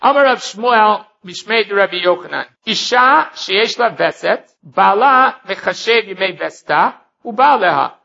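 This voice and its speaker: A man's voice: high-pitched, creaky, pushed and bright, lo-fi sound. A man teaching a Talmud lesson, reading each Aramaic phrase and then explaining it step by step. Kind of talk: Talmud study lecture.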